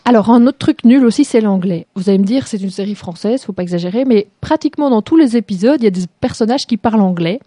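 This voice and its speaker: A woman's voice: medium pitch, animated, quick pace, few pauses, warm tone, no room sound, clean studio sound. A woman hosting a chat show, mocking a TV series with sarcasm and frequent laughter. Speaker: show host reviewing a TV series. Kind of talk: casual critical chat.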